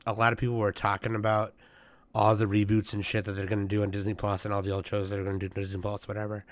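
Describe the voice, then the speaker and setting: A young man hosting a casual podcast, hoarse and congested, rambling with lots of fillers and swearing. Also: lowish voice, fairly bright tone, dry recording. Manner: rambling, profane, many fillers. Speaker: podcast host. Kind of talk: casual chat.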